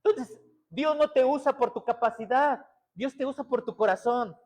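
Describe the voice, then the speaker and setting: High-voiced man preaching a sermon. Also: moderate pace. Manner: emphatic preaching with many rhetorical questions to the congregation; swings between loud urgent stress and hushed intimate passages. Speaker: pastor.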